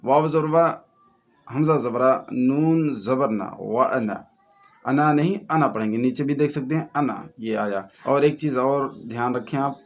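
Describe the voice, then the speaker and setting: A man teaching a Quran reading lesson in an Indian Urdu-Hindustani accent, spelling out letters and vowels and then slowly blending them into words. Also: mid-range voice.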